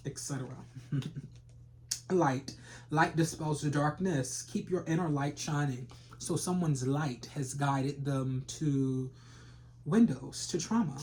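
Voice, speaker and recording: A man's voice: a little high, a little mellow, slight background noise. A man giving a rambling, casual tarot reading full of slang and repeated phrases. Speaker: tarot reader.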